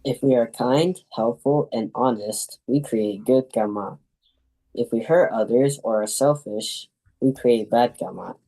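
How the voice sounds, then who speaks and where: A man's voice: mid-range voice, unhurried, dark tone, poor audio. A young man reading a prepared talk as a student presenter in a class.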